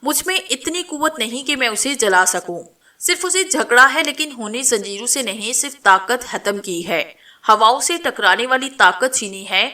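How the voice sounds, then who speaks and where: A woman's voice: on the high side, lively intonation, sharp tone, far from the mic. Woman voicing a solemn old holy man. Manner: solemn, commanding advice. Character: old male holy elder, grave and weary.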